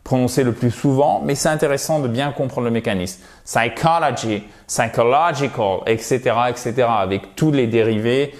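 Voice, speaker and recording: A man whose first language is French, teaching English pronunciation and slowly repeating each word as a drill. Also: mid-range voice, darkish tone. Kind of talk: pronunciation lesson.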